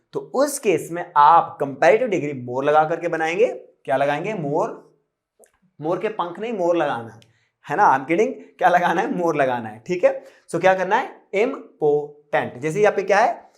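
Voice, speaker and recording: A young man teaching English grammar in Hindi, casual and lively, asking questions and answering them himself. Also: on the high side. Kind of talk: casual Hindi classroom explanation.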